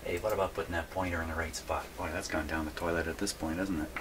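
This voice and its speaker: A man with a low voice and fairly even intonation talks fast while narrating a casual repair vlog, restoring vintage radios as a hobby in his indoor workshop. His thinking aloud is rambling and folksy, and the recording picks up clear background noise.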